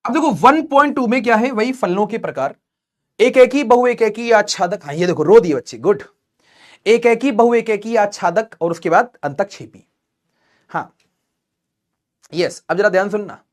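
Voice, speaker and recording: A man's voice: high voice, animated, moderate pace, pauses often. A man teaching math in a live online class, joking and teasing students between explanations.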